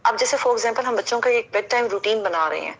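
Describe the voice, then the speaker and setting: A woman's voice: on the high side, creaky. Woman, mother asking a question, hesitant, voice breaking up with dropouts, online call. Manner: hesitant, with many fillers and repeated agreement. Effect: voice breaking up with dropouts over an online call.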